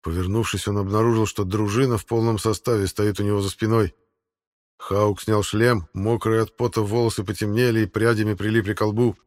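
Low-voiced male audiobook narrator. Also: little pitch movement, brisk, darkish tone.

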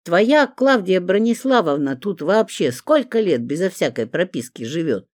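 A woman's voice: fairly low pitch, sing-song, moderate pace, a little mellow, no room sound, studio quality, pitched above the performer's own voice. A woman voicing a brash, hungover man arguing with a neighbor.

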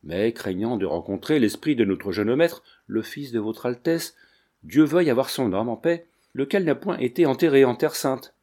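A man reading the part of a frightened male servant who speaks in a halting, deferential, fearful way. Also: mid-range voice, expressive, warm tone, lightly acted.

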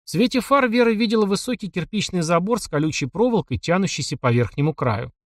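A man narrating an audiobook in a measured storytelling manner. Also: sits high, expressive, no echo, clean studio sound. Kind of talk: scripted narration.

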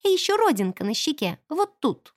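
Brief: spoiled rich young blonde, voiced by a woman, haughty and gossipy, lively high voice, dry sound. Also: normal speed, no echo. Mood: chatty.

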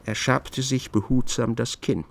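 A man giving measured, scripted literary narration for a radio drama. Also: mid-range voice, fairly even intonation, creaky, slight background noise. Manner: measured, descriptive reading.

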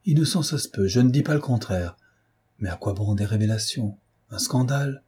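A man voicing a hushed, placating official. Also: on the low side, expressive, brisk, breathy edge. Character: cautious older male official, hushed.

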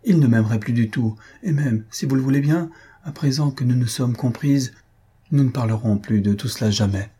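A man's voice: medium pitch, normal speed, warm tone, husky. A man voicing a young wife, anxious and tender, in a read-aloud novel. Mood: pleading.

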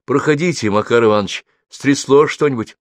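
A man's voice: medium pitch, brisk, no echo, pitched above the performer's own voice, natural voice. A man reading the part of a young doctor who speaks urgently and sharply. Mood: worried. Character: young male doctor, tense and quick-tempered.

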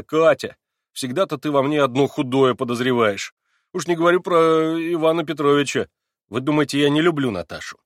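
A man reading a novel aloud and voicing an excitable young man who pleads and defends himself in a raised, plaintive voice. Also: fairly high pitch, no echo, clean studio sound, pitched above the performer's own voice. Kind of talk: audiobook character reading.

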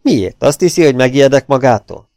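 A man reading aloud, voicing a stocky, hot-tempered older sailor who bursts out in rough, indignant shouts. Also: medium pitch, animated, no echo, clean studio sound, lightly acted. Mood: angry.

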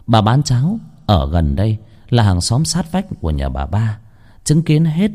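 A man narrating a horror story in lively, colloquial storytelling. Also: on the low side, normal speed.

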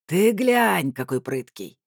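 A man's voice: mid-range voice, moderate pace, no echo, clean studio sound, pitched below the performer's own voice, natural voice. A man voicing a burly, hot-tempered male henchman in an audiobook, with mocking, blustering outbursts. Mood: jeering. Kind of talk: audiobook character voice.

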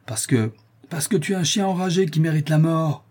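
A man's voice: fairly low pitch, normal speed, mellow, breathy edge. A man voicing a proud sailor who answers an accusation with indignation in a storybook reading. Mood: indignant. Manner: indignant, defiant.

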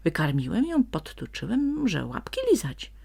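A woman's voice: on the low side, huge pitch swings, moderate pace, gravelly, a little mellow, husky, heavily acted. A woman voicing a sly, cowardly male fox who whines and wheedles. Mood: wheedling. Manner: wheedling and whining.

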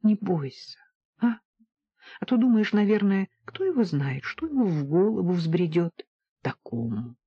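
A woman's voice: on the low side, sing-song, a little slow, husky, dry recording, dull audio, heavily acted. A woman voicing a hot-tempered young man, blunt and curt, in an audiobook. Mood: gruff.

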